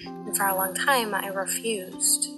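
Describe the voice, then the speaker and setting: A woman's voice: medium pitch, fairly even intonation, unhurried. A woman hosting a motivational coaching and meditation talk, sounding re-recorded through a speaker, as if talking into a bottle. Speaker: podcast host and life coach. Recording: muffled recording of a recording, music behind. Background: loud music.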